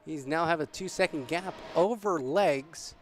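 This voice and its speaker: A man giving live motorsport commentary as a race broadcaster, his delivery excitable and following the action. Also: a little high, measured pace, background noise. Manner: excitable, voice rising with the on-track action. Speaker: motorsport commentator in an online sim racing broadcast.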